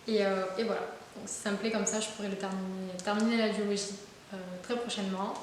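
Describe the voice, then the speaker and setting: A woman's voice: medium pitch, level tone, quick pace. A young woman chatting casually about books, full of fillers, restarts and enthusiasm. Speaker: book vlogger. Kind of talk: casual book haul chat. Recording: very echoey room with faint hiss.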